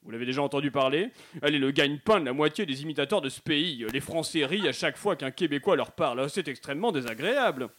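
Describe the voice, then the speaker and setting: A man's voice: fairly high pitch, lively intonation, quick pace, hardly any pauses, a bit bright, pitched below the performer's own voice. A man voicing the Quebec accent as an offended character, speaking with a Quebec French accent. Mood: aggrieved.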